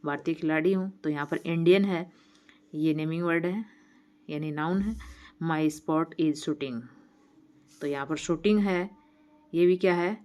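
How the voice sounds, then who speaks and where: A woman teacher explaining a workbook lesson, reading each item slowly and then asking and answering her own questions. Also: lowish voice, a little mellow, smooth.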